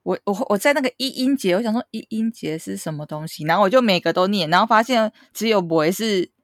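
A woman's voice: medium pitch, expressive, quick pace, no echo, studio quality. A woman in her thirties from Keelung, Taiwan, speaking Taiwanese Mandarin and co-hosting a casual podcast chat, frank and blunt. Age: 30s. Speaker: podcast co-host. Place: home, recorded remotely.

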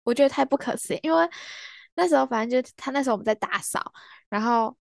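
A young woman, chatting on a podcast in a quick, teasing, playful way. Her voice sits a little high and races along. The sound is dry and close to the mic. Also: creaky, no room sound. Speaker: podcast host. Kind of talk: casual chat.

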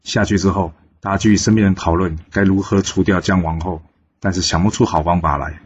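A man narrating a traditional tale in a lively storytelling manner, switching voices for each character. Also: sits low, fairly quick, slightly rough. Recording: dull lo-fi recording with faint background noise.

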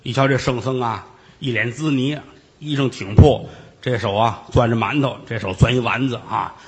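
A man telling a traditional comic story in storyteller style, animated and switching voices for the characters. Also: medium pitch, moderate pace, husky.

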